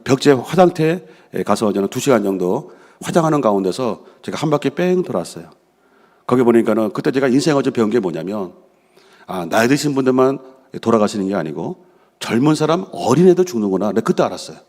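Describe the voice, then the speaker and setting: A middle-aged senior pastor with a medium-pitched, darkish voice preaches a sermon in a sing-song, fairly quick manner. He reads scripture aloud, then expounds with personal stories, often asking the congregation questions and affirming with "yes."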